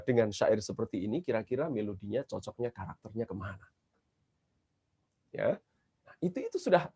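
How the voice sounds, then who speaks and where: A man's voice: mid-range voice, a little mellow, slightly rough. A man with an Indonesian accent teaching children's songwriting in a webinar, explaining patiently and singing short examples. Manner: explains patiently, breaks into short sung demonstrations. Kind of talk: webinar lecture with sung examples. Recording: dull lo-fi webinar audio with faint guitar.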